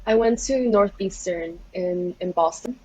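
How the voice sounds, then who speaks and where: Husky-voiced young woman, laughing easily. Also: medium pitch, measured pace, rough recording. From Philippines. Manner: relaxed, laughs often, lots of fillers. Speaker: guest. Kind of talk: casual interview.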